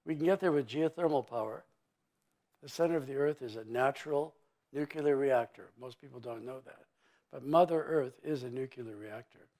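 An older man speaks on a conference stage as an interview guest, in a medium-pitched voice. He talks bluntly and emphatically, with sweeping claims and vivid images. The sound comes through a lapel mic. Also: normal speed, warm tone. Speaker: mining executive interviewee. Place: conference stage before an audience.

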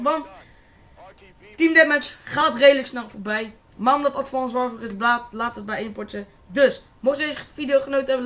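A Dutch teenage boy giving casual, excitable live commentary on a shooter game and swearing freely. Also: very high voice, slight background noise. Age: teens. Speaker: gaming YouTuber.

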